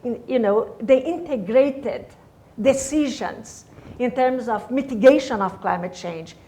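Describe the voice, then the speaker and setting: A woman's voice: fairly high pitch, unhurried, dark tone. A woman speaking as a scientist on a panel, hesitant, with many "you know"s and "uh"s. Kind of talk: panel discussion remarks.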